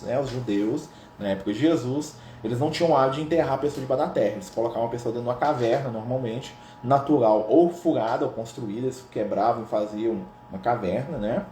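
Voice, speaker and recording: Speaking with a Brazilian Portuguese accent, a man leads a gospel study as informal spiritual teaching, keeping it conversational and often ending phrases with tag questions. His mid-range voice is mellow, heard in a roomy echo with slight background noise.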